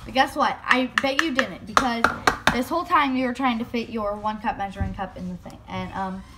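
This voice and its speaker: A young woman vlogger with a fairly high voice rambles casually and pokes fun at herself while baking in her home kitchen. Her chatty, self-mocking narration comes through heavy background noise.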